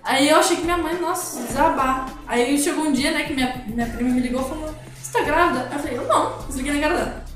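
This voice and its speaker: A young woman from Brazil telling a personal story in casual chat, rambling and animated, quoting dialogue as she goes. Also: sits high, quick pace, faint music behind. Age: young adult. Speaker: guest. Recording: very echoey room.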